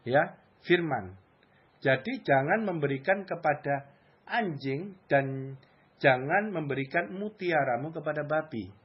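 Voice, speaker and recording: A man's voice: a little high, lively intonation, a little slow, long pauses, slightly rough, dull audio. A man preaching a sermon in a conversational, colloquial way, often asking rhetorical questions.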